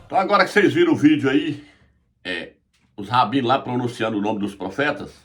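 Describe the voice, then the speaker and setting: A man giving a religious lesson at a whiteboard, explaining slowly and spelling out letters as he points. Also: mid-range voice, animated, faint music behind. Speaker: Bible teacher.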